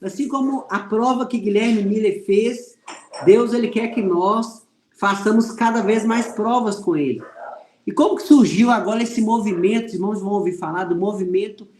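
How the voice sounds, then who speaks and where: A Brazilian man with a high-sitting voice leads an online Bible class at a moderate pace, sounding a little mellow with noticeable reverb. He shares a personal testimony, speaking earnestly and addressing his viewers as "irmãos."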